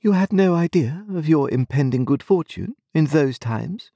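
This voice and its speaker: A man's voice: fairly high pitch, expressive, moderate pace, vocal fry, dark tone, no echo, studio quality, pitched above the performer's own voice. A man voicing a cold, proud young woman with a disdainful, composed manner in a storybook reading. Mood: haughty.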